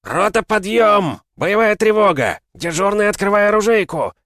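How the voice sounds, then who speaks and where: A man voicing a gruff army captain who barks orders at the top of his lungs. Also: medium pitch, lively intonation, moderate pace, no echo, studio quality, voice pushed up, close to an everyday voice. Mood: shouting orders. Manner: barking orders at full shout.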